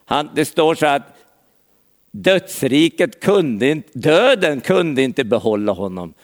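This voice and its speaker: A man's voice: fairly high pitch, sing-song. A man preaching an earnest sermon, speaking directly to listeners by name.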